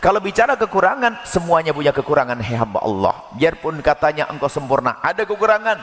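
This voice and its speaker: A man preaching a sermon in a lively, folksy way, with jokes and small acted-out scenes. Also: fairly high pitch, fast talker, big-room sound.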